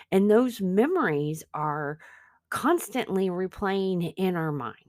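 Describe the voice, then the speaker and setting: A woman with a lowish voice, recorded cleanly in a studio with no room sound, hosts an informal spiritual self-help teaching. English is her second language, and as a podcast host and spiritual business coach she speaks earnestly and conversationally, addressing listeners directly.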